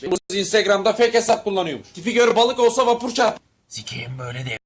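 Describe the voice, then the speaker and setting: A young man with a Thracian Turkish accent, performing crude rapid-fire comic sketches full of swearing. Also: high-pitched, animated, slightly rough. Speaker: comedy sketch creator.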